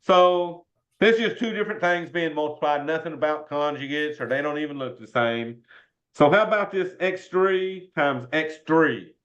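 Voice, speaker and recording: Casting: male algebra teacher, Southern US accent, folksy and informal, highish pitch, muffled video-class sound. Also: moderate pace, fairly bright tone. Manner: folksy, says y'all often. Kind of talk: informal worked-example math lesson. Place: indoors, online video class. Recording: dull lo-fi online class audio.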